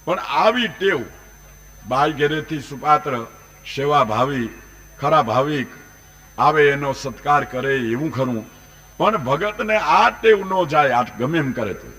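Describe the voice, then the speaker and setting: Bright-voiced preacher. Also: male voice, a little high, slow pace. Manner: lively, dramatic storytelling. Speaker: religious storyteller. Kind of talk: devotional scripture recitation and folk storytelling.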